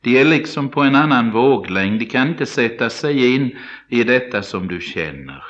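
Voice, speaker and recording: A man's voice: mid-range voice, lively intonation, a bit bright. A man giving a devotional Bible study sermon, speaking earnestly and directly to the listener in a pastoral way. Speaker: preacher. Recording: dull lo-fi broadcast recording.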